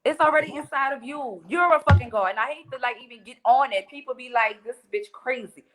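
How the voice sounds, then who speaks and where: A New Orleans woman with a local accent speaks fast in a high-sitting voice as a podcast guest. She chats casually, bluntly and profanely, acting out quotes as she tells her stories.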